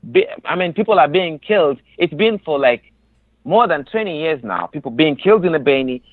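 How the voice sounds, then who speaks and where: A man's voice: a little high, animated, dry recording. Young Congolese man on a tinny phone line. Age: 20s. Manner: earnest, halting with many restarts. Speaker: guest. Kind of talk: interview about personal experience. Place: on a phone call.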